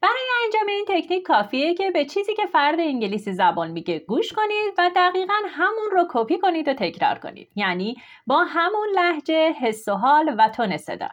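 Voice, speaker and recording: A woman reading a scripted language lesson, explaining with clear, steady delivery. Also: very high voice, hardly any pauses, lo-fi sound. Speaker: language teacher.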